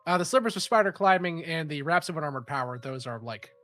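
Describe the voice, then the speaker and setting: He's a fast talker with a slightly high voice, congested and nasal from a head cold. As game master for a tabletop game, he keeps things loose and casual, rambling along with plenty of filler words and curses.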